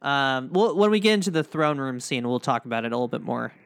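A man's voice: mid-range voice, lively intonation, fast talker, a bit bright, clean tone. A man co-hosting a podcast in casual chat, chatty and playful. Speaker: podcast co-host.

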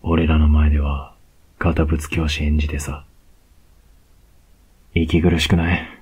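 A man's voice: very deep voice, level tone, husky, exaggerated voice. Man playing a cocky, teasing Kansai student. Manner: slow, close, teasing murmur with soft laughs. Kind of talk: whispered role-play.

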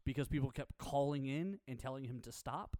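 A man in his thirties co-hosting a radio show, casually telling rambling, animated anecdotes and acting out bits. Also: medium pitch, fairly quick, no echo, studio quality. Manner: animated storyteller, acts out sounds and quotes. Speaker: radio co-host.

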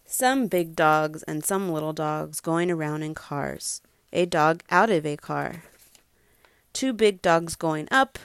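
A woman's voice: low voice, takes it slowly, smooth, no room sound. A woman reading a children's picture book aloud to a young child at home, patiently stopping to ask simple questions.

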